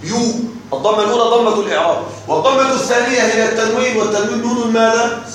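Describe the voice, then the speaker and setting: A man teaching an Arabic grammar lesson, slowly repeating rules and often checking that his students follow along. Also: very high-pitched, a bit bright. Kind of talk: classroom lesson explaining morphology. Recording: very echoey room with faint noise.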